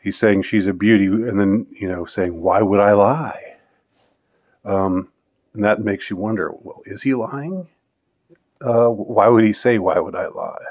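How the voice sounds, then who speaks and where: A man in his fifties, his voice on the low side and a little mellow, answers viewer questions in a casual, unscripted monologue. He rambles and halts, letting thoughts trail off.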